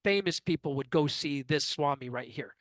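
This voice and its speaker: A man in his fifties, appearing as an interview guest, spins a long personal story and animatedly acts out the dialogue of the people involved. His voice is on the high side at a normal speed, with no echo.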